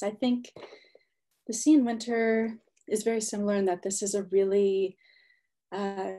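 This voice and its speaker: A woman author describing her book gently and with many hesitations, on a video call. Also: a little high.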